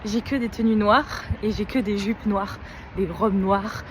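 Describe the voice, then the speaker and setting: A young woman with a cold, blocked nose and sore throat chats casually into her phone, held at arm's length, for a vlog. Her medium-pitched voice stays steady and unhurried as she rambles in slang with lots of fillers, and there is background noise.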